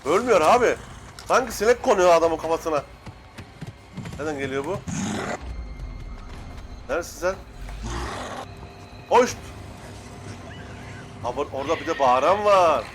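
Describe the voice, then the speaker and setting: A young man casually commenting while playing, excitable and cursing at the game, shouting now and then. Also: fairly high pitch, unhurried, pauses often, faint music behind. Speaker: gaming YouTuber. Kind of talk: Let's Play commentary.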